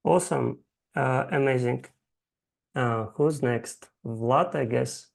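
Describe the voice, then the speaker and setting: A man hosting an online meeting over a video call, talking haltingly with many filler sounds. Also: medium pitch, gravelly. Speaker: host and founder of the club.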